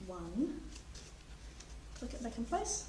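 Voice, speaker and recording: A high-voiced young woman who is losing her voice narrates a clinical skills demonstration during her paramedic practical exam. She speaks slowly, calmly and instructively, talking the patient through every step. The recording is echoey, distant and set in a noisy room.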